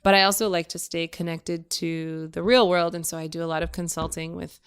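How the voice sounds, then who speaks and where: A woman in her thirties, talking casually as a guest, slightly raspy and stuffy from a cold, chatty and self-deprecating. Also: lowish voice, little pitch movement, fairly quick. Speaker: podcast guest. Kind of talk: casual conversation.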